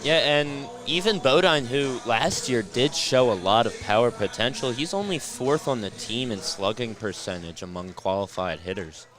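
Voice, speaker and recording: A man's voice: medium pitch, moderate pace, few pauses, fairly bright tone, faint music behind. A young man commentating on college baseball for student radio, laid-back with a dry sense of humor. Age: young adult. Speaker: color commentator.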